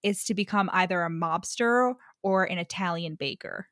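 A young woman co-hosting a casual book podcast, animated and quick to laugh, with lots of "like". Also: fairly low pitch, dry recording, studio quality. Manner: animated, laughs often, many likes. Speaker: podcast co-host.

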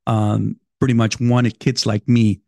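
A man's voice: on the low side, flat delivery, measured pace, creaky, darkish tone, no room sound, clean studio sound. Salvadoran-accented man hosting a podcast. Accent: Salvadoran Spanish. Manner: loose, chatty, swears casually, talks straight to listeners. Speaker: podcast host. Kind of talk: casual podcast monologue. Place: at a desk by his computer.

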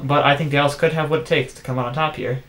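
A man co-hosting a casual sports podcast, giving his picks and stats in a measured, analytical way. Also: on the high side, fairly even intonation, a bit bright. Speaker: podcast co-host.

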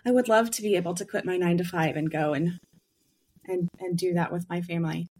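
A woman's voice: lowish voice, brisk, a little mellow, slight background noise. A woman hosting a podcast interview, friendly, with hesitant fillers and light laughter. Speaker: podcast host.

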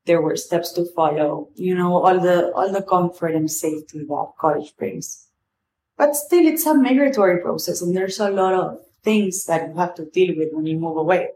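The recording is rough, with slight background noise, and the woman's voice is on the low side with a darkish tone. A native Spanish speaker in her twenties with an Argentinian accent, she hosts a podcast, rambling candidly through a personal monologue and swearing casually.

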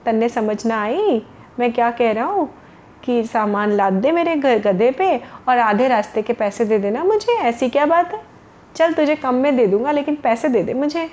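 A woman voicing a shrewd, money-minded village merchant man, calling out loud and drawn-out in a storybook tale. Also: on the high side, animated, dull audio, natural voice. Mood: bargaining.

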